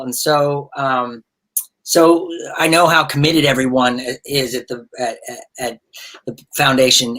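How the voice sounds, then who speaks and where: A man chatting casually over a video call as a guest supporter, rambling and restarting his sentences. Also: medium pitch. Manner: rambling, warm-hearted, restarts often.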